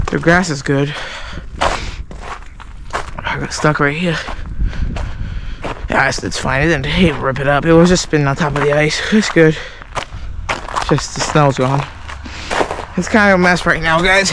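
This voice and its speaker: A man talks to his viewers outdoors in the snow, winded and restarting his sentences as he goes. His voice sits a bit high. Steady noise runs behind him. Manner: rambling, self-interrupting. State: out of breath. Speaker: vlogger. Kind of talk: casual vlog outdoors.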